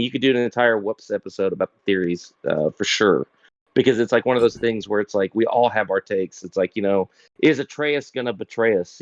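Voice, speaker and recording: A man's voice: on the low side, no echo. Rambling man on a dull remote mic. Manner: rambling, says "you know" and "like" a lot. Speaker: podcast guest. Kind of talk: casual podcast chat.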